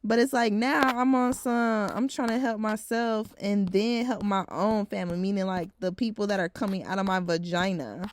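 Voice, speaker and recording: A woman's voice: mid-range voice, moderate pace, few pauses. Blunt young woman vlogging casually. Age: around 20. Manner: blunt, frank, with swearing; heavy use of filler "like". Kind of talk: casual vlog chat.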